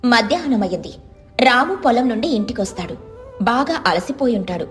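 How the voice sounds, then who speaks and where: A woman reading out a moral story in scripted narration, with a plain, even storytelling manner. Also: on the high side, fairly quick, faint music behind.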